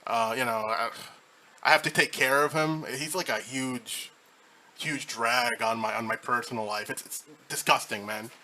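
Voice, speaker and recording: A man's voice: mid-range voice, fairly even intonation, moderate pace, sharp tone. Guy hosting a chat podcast, swears a lot, jokes around, restarts a lot, bit of background hiss. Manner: profane, joking, rambling with many restarts. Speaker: host.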